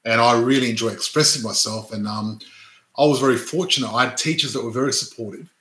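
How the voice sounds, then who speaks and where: A man from Adelaide talks in a relaxed, rambling way, often checking in with "right?" and restarting his sentences. His voice is bright and forward, and it bounces in an echoey room. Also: mid-range voice, quick pace. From Australia (Adelaide). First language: not English; parents were immigrants. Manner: chatty, tags statements with "right?", many restarts. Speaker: podcast co-host, real estate investor. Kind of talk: casual chat.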